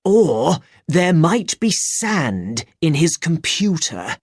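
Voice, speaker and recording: A woman reading aloud and voicing a kind, practical old grandfather in a storybook, steady and patient. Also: low voice, very slow, slightly rough, no room sound, clean studio sound, voice pushed up, full character voice. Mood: thoughtful.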